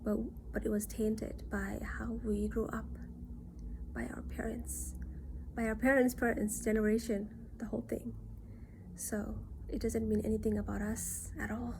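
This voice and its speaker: A woman from Nepal, talking in an earnest, reassuring monologue that often drops into soft near-whispers. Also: fairly high pitch, flat delivery, moderate pace, vocal fry, slight background noise. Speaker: self-reflection vlogger. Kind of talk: casual reflective monologue.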